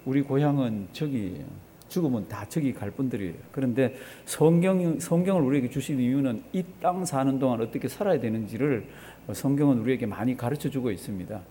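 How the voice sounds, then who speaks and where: A warm, mid-range male voice delivers a sermon a little fast. The pastor speaks conversationally, throwing rhetorical questions at his congregation, inviting their replies, and leaning on repeated phrases for emphasis.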